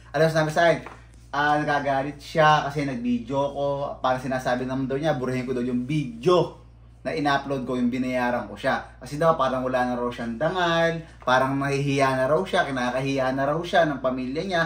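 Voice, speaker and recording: Blunt ranting man, echoey room. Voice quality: swings between mumbling low asides and loud outbursts. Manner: blunt, swears freely. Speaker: vlogger. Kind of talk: casual ranting vlog.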